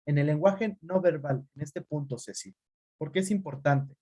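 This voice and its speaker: A man's voice: fairly high pitch, normal speed, warm tone, slightly rough. A man teaching a class over a video call, calling on students by name and explaining with examples. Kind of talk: online class lecture.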